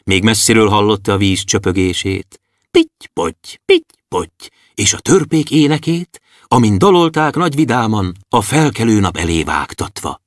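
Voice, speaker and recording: Male children's audiobook narrator, animated and expressive, close studio mic, dry sound. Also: fairly low pitch, dry recording. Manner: lively, expressive storytelling.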